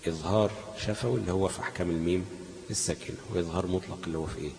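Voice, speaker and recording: A man's voice: low-pitched, fairly even intonation, racing, vocal fry, a little mellow, big-room sound, slight background noise, rough recording. A man with an Egyptian Arabic accent teaching a class on Quran recitation, asking leading questions that the students finish.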